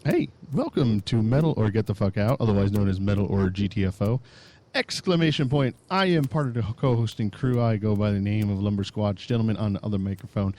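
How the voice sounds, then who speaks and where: A man's voice: fairly low pitch, a little fast, mellow. A man co-hosting a podcast, chatting in a rambling, laid-back, joking way. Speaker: podcast co-host. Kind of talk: casual chat.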